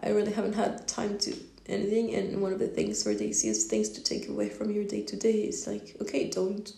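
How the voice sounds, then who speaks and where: A woman's voice: mid-range voice, big pitch swings, fairly quick, creaky, warm tone, roomy sound. A woman talking casually on her own into a phone on a stand, rambling with lots of fillers and laughs. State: yawning, drowsy. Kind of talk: casual solo talk.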